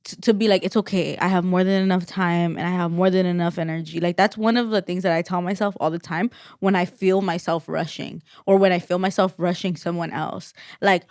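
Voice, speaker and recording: A woman's voice: lowish voice, steady tone, a little fast, few pauses, a little mellow, no echo, clean studio sound. A woman co-hosting a podcast in casual chat, rambling with lots of "like" fillers and restarts. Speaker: podcast co-host.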